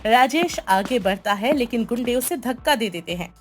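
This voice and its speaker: A woman narrates an animated family story in a steady, descriptive storybook manner. Her voice sits high for a woman. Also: moderate pace, faint music behind.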